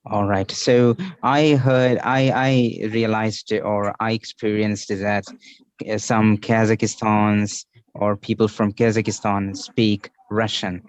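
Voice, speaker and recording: A man with an Indian accent runs an online English class over a video call, patiently walking through idioms and repeating the key phrases. His voice is fairly low in pitch, delivered flatly and slowly, in a dry recording.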